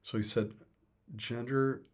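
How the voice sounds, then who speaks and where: A man's voice: medium pitch, fairly even intonation, takes it slowly. A man explaining music thoughtfully in conversation, hesitant with many fillers and restarts. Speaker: interviewee on music.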